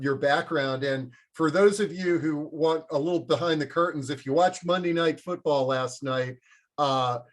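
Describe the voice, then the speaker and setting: A man hosting an interview in an informal, meandering, conversational way with enthusiastic wording. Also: fairly high pitch. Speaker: interview host.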